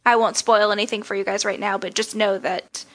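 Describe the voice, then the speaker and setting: A woman co-hosting a podcast, chatting casually about a TV show with quick asides and frequent laughs. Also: medium pitch, level tone, a bit bright. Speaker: podcast co-host.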